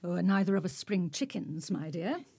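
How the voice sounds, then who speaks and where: A woman's voice: on the low side, expressive, normal speed, darkish tone, husky, dry recording. An actress playing a fussy, meddling woman in her fifties in a period radio drama, speaking in a genteel, coaxing way. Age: 50s. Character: meddling, busybody older spinster, fussy and genteel. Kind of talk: 1940s-set radio drama acting.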